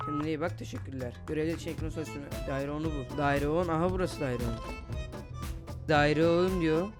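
Young man, let's play commentator, playful cursing, raised pitch, background music. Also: a little fast. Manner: jokey, swears casually, talks to the baby and viewers. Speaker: gaming YouTuber. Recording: music playing underneath.

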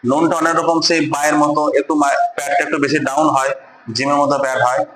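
A man's voice: on the high side, fairly even intonation, fast talker, roomy sound, a loud crowd, rough recording. A man teaching beginners the Arabic letters in a class, patiently repeating each letter and drawing out the sounds. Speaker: Quran reading teacher. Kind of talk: beginner Arabic alphabet lesson.

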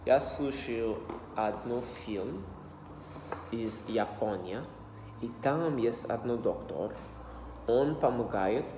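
An English-speaking American in his thirties works through a new language at his desk, slowly and haltingly repeating words as he reads phrases for a self-study vlog. His voice is medium-pitched and a little mellow. The small room and laptop webcam yield a roomy, long-reverb echo with slight background noise.

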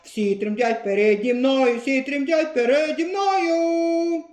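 Screeching icy tyrant lord. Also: female voice, high voice, slow, reverberant, voice pushed up. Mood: gloating. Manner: screeching, shouting threats and spell chants. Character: shrieking tyrannical ice lord, furious and bossy.

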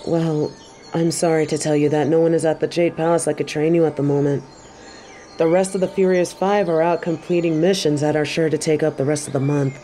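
A woman playing a stern but warm-hearted tiger kung fu master in a roleplay audio, speaking in a measured, composed way to the listener. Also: sits low, fairly even intonation, a little hiss or hum, natural voice. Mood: calm, formal. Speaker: voice actor in a fan roleplay audio. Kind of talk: scripted roleplay addressed to the listener.

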